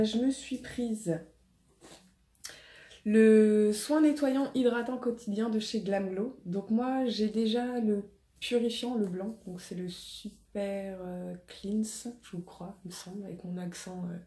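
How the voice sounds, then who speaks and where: A woman's voice: mid-range voice, dark tone. A woman, hesitant and chatty in a casual beauty haul video, with many fillers. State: slight cough after illness. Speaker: beauty vlogger. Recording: echoey room, faint noise.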